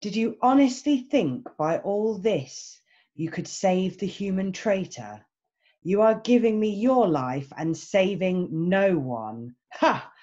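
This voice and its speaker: A woman's voice: medium pitch, animated, takes it slowly, warm tone, muffled recording. A woman playing a cruel, imperious witch who gloats and savours each phrase in a screenplay read-through. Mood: gloating, contemptuous.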